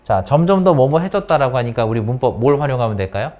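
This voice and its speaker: An academy teacher leads his class through English grammar in English, questioning students one after another by name, lively and coaxing. He speaks fast in a mid-range voice.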